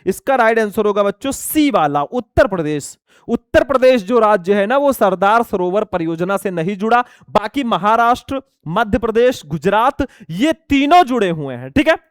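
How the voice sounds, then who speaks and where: A young man teaching an exam lesson loudly, almost shouting as he goes through multiple-choice questions and calls the students kids and brothers. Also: high voice, expressive, normal speed, clear, resonant tone, no room sound, studio quality. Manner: loud, near-shouting delivery; addresses students as bachelon and bhaiya.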